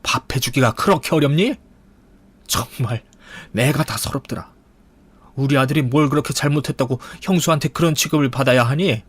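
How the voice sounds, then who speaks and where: A man's voice: mid-range voice, moderate pace, fairly bright tone, breathy edge, no room sound. A man voicing a demanding, whiny middle-aged mother-in-law who complains and sighs. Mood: nagging. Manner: complaining, sighing.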